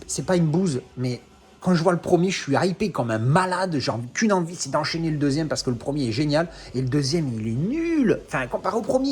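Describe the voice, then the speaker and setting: A man's voice: a little high, a little mellow, breathy edge. A man in his thirties, from France, talking casually and rambling about his film collection, with many hesitations and self-corrections. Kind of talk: casual unscripted video talk.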